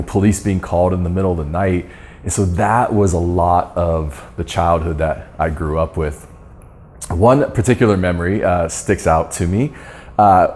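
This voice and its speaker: Deep-voiced man telling a personal story. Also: a little mellow. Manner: earnest storytelling with repeated restarts. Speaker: guest speaker on dental marketing. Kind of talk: storytelling talk to course members.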